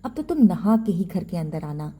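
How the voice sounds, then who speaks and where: A woman's voice: lowish voice, big pitch swings, normal speed, warm tone, slightly rough, pitched below the performer's own voice. Scornful young wife, as a woman storyteller voices her. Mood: disgusted. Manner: scolding, dismissive. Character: scornful young wife, sharp-tongued and irreligious.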